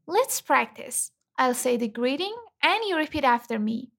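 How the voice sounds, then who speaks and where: A woman from Iran, hosting an English lesson and saying model phrases slowly and carefully for learners to repeat. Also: high-pitched, lively intonation, vocal fry, a bit bright. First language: Persian. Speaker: English teacher and host. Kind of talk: scripted language lesson.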